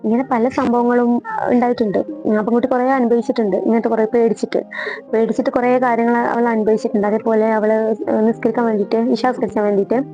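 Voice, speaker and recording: This is a woman from Kerala sharing her marriage story, heartfelt and full of repetition. Her pitch is a little high and barely shifts, her pace is quick, and her tone is warm. The recording is lo-fi and dull, with faint music in the background.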